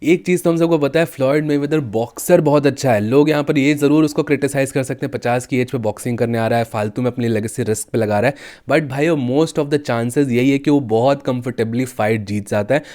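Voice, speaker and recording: A young man talks combat sports in an easygoing commentary voice of middle pitch. He chats straight at his viewers and keeps calling them brothers. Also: a little fast, a little mellow. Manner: chatty, often addresses viewers as brothers.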